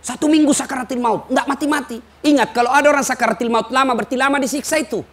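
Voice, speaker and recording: A man from Sulawesi with a Makassar Indonesian accent, preaching an animated, joking sermon and acting out little dialogues. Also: extremely high pitch, fast. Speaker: Islamic preacher. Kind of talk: humorous sermon.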